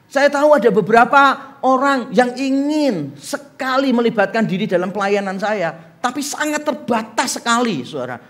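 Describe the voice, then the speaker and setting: A man's voice: extremely high pitch, normal speed, hardly any pauses. A middle-aged man preaching a sermon as pastor, acting out little dialogues and joking with the congregation. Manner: animated, acts out dialogue and jokes with congregation. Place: church hall.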